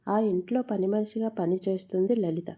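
A woman narrating a moral story in a measured storytelling manner, with the odd small slip. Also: mid-range voice, mellow, slightly rough.

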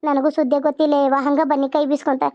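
A woman's voice: high voice, little pitch movement, racing, mellow, dry recording, muffled recording. A woman with a North Karnataka Kannada accent, voicing several village women in a cartoon serial with rustic, chatty dialogue. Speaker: narrator voicing all characters.

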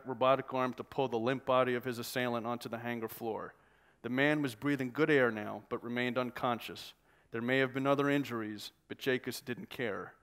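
A man, the author, reading a passage from his novel aloud at a measured pace. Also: mid-range voice, a bit bright.

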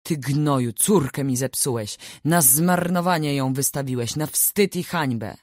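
A woman's voice: rumbling low, unhurried, a little mellow, no echo, clean studio sound. A woman reading the lines of a harsh, furious older peasant father in a storybook, barking threats.

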